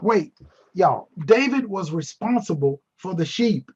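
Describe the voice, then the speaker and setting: High, husky man teaching Bible class. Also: animated, measured pace, darkish tone, dull audio. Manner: playful, teasing, responds to chat. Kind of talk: casual online Bible class. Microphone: video call.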